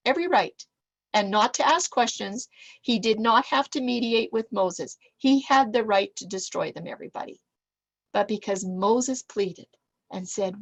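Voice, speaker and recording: Animated woman teaching scripture. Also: fairly high pitch, dry recording, poor audio. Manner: animated, reads scripture aloud with emphasis. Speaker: Bible teacher. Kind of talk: Bible teaching.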